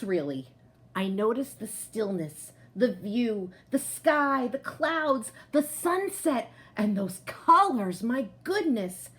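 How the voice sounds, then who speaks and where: Reading a picture book to children, a woman with a slightly high voice tells the story expressively, like a teacher would. She turns to the young audience now and then with friendly comments.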